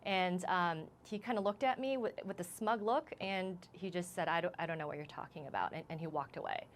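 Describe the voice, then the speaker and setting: A woman reporter speaking on a live news interview, her voice set a little low for a woman. She is shaken and halting, stumbling and restarting her sentences as she talks it through, with a faint hiss behind her.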